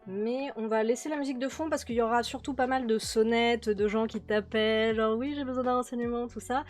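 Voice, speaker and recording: Her voice is fairly high, steady in tone, and brisk as she hosts a casual commentary video on a management game. She chats freely, leaning on fillers and repeating words, while music plays faintly behind her.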